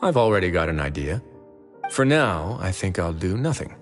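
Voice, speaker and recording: A man voicing a composed, dry-humored warden with a calm, wry way of talking, in a video game. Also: low-pitched, normal speed. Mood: calm stern. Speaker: game character. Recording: game audio with long reverb and faint music.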